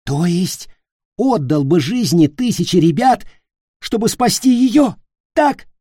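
Guy voicing a freaked out young dude yelling, sarcastic, voice pushed up high. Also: expressive, slow pace, husky, dry recording, studio quality, heavily acted. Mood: accusing. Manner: shouting, sarcastic and accusing. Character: horrified, accusing young man.

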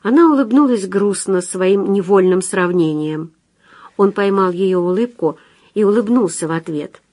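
Woman reading an audiobook, calm and even, dry close mic. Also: medium pitch, normal speed, no echo. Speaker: audiobook narrator. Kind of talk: scripted literary narration.

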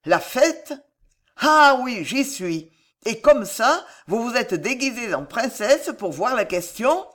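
A woman voicing a drunken, boisterous nobleman who roars, swears and brags, loud and high. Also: big pitch swings, slow pace, heavily acted. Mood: drunken roaring. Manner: roaring, swearing, bragging.

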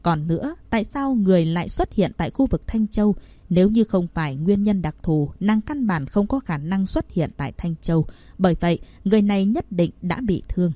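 A woman voicing a shadowy male assassin guild boss who speaks in a cold, scornful, husky tone, read from a storybook. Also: on the low side, lively intonation, brisk, dark tone, dry recording, lightly acted. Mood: cold, scheming.

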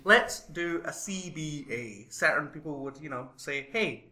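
Male improv host, casual, very bright sharp voice, roomy sound. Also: fairly high pitch, lively intonation, a little slow, faint music behind. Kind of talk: casual stage hosting. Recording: echoey room.

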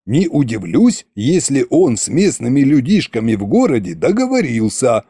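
A man voicing a stern, mocking old king with a gruff, commanding manner. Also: mid-range voice, warm tone, no echo, studio quality, exaggerated voice.

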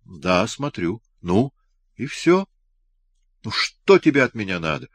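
A man voicing an exuberant young male scientist who teases and talks loudly in an audiobook reading. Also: medium pitch, sing-song, slow pace, breathy edge, dry recording, pitched above the performer's own voice, full character voice. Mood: irritated. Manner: giddy, teasing, loud.

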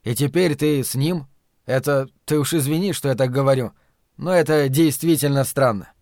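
A man's voice: medium pitch, normal speed, darkish tone, dry recording, clean studio sound, close to an everyday voice. A man voicing a tired, wary prisoner who questions things dryly.

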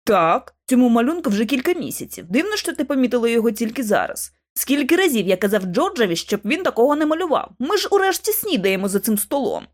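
A woman voicing a young male agency leader in an audiobook, speaking in a calm, matter-of-fact way. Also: a little high, fast talker, hardly any pauses. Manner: calm, then shaken.

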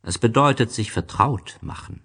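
A wise, wary fox from a storybook, voiced by a man. He explains patiently in a husky, creaky voice, with plenty of rise and fall. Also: medium pitch, expressive, normal speed, fairly bright tone, pitched above the performer's own voice. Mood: earnest, tender. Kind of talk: storybook reading.

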